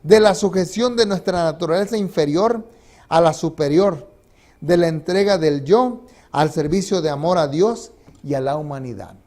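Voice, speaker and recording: Pastor preaching, mellow voice. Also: male voice, a little high, moderate pace. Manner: conversational, asks the congregation questions and laughs. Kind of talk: sermon. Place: church sanctuary.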